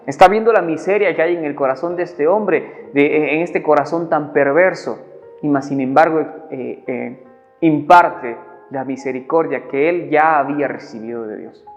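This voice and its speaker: A man from Ecuador giving a devotional sermon, earnest and halting, often repeating words as he goes. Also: a little high. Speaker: preacher. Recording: dull recording in a reverberant hall, soft music behind.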